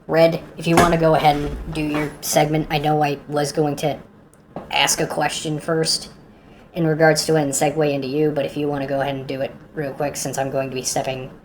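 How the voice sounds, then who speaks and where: Low-voiced woman hosting a call. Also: little pitch movement, fairly quick, a little hiss or hum. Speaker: call host. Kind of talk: casual voice call.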